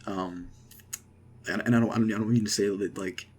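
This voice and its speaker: A young man casually rambling through an excited movie reaction, with lots of fillers and restarts. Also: on the low side, a little fast, breathy edge. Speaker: vlogger.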